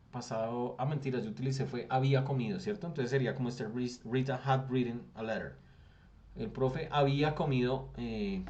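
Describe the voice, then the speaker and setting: A man's voice: medium pitch, a little mellow, highs cut off. A man with a Colombian Spanish accent teaching an English grammar class online, patiently explaining and often checking that students follow. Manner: reads English text aloud slowly. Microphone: computer mic on a video call.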